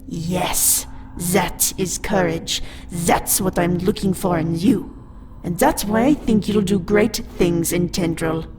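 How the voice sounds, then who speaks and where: A woman's voice: on the low side, takes it slowly. A woman playing an authoritative, theatrical and encouraging space admiral in an audio drama. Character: commanding but encouraging female space admiral, amused, reassuring.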